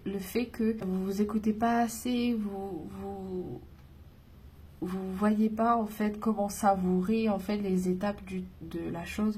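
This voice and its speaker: A woman giving a casual spiritual card reading, chatty and rambling, reassuring her viewers and breaking off with giggles and soft whispers. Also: mid-range voice, slight background noise. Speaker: oracle card reader.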